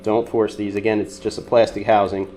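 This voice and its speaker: A man with a nasal, congested voice from being sick, calmly walking through a repair step by step with frequent ums and uhs. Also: lowish voice, fairly quick, slight background noise. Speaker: mechanic demonstrating a repair. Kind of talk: casual how-to demonstration.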